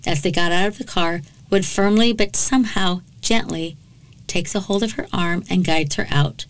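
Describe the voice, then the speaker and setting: Poor audio carries this true crime podcast host's lowish voice at normal speed. She recounts a case with drama, cutting in regularly with blunt, sarcastic remarks.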